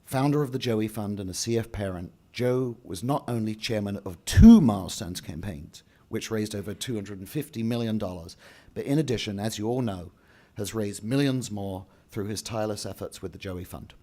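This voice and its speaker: At a podium in a large banquet hall, a man with a fairly low, warm voice reads a prepared speech at normal speed as the event's speaker and emcee. He sticks steadily to his script but throws in the occasional offhand aside and restarts now and then.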